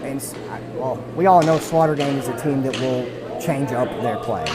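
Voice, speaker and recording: Over music, a man of medium pitch talks at normal speed, offering laid-back live commentary on an airsoft match. He keeps repeating himself and starting phrases over. The setting is a small side room beside the field, and the audio comes through a shared desk mic.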